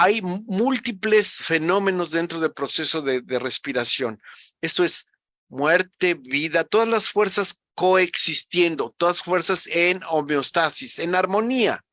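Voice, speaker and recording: A man's voice: fairly high pitch, expressive, unhurried, fairly bright tone, no room sound. A man from Mexico, explaining ideas in a reflective, teacherly way with frequent restarts. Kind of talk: conversational explanation.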